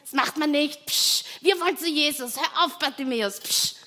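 Eine Frau spricht eine Menschenmenge, die einen Bettler zischend und abfällig zum Schweigen bringt. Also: female voice, high-pitched, moderate pace, sharp tone, pitched above the performer's own voice. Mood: scolding. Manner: hissing, dismissive. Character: scolding crowd of people hushing a beggar.

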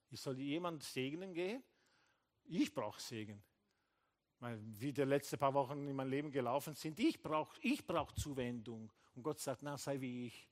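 A man preaching a sermon as pastor, animated, acting out short dialogues and dropping English phrases into his German. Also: mid-range voice. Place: church hall.

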